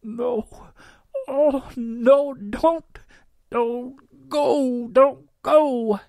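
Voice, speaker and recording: A man voicing a trapped, desperate woman calling for help, her high voice breaking. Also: slow, creaky, no room sound, full character voice. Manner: high, pleading, breaking cries from afar.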